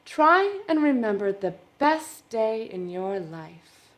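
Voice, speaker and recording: A woman's voice: on the high side, very animated, slow. An actress playing an inexperienced woman therapist leading a support group, with earnest, probing questions. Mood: soothing.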